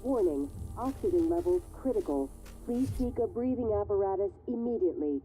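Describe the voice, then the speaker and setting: A woman voicing a calm female ship computer that gives even, automated warnings in a video game. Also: mid-range voice, a little fast, background noise, lightly acted.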